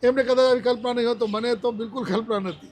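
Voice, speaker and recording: A man's voice: very high-pitched, fairly even intonation, rapid-fire, a little mellow. A man in his seventies, a monk giving a religious discourse, telling a personal story and acting out the dialogue he quotes. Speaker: Jain monk.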